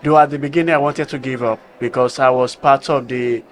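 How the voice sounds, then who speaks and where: A young man from Nigeria speaking as a tech entrepreneur on an interview panel, earnest and halting, with frequent restarts. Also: medium pitch, steady tone. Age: young adult. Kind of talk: panel conversation. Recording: faint ambient background noise.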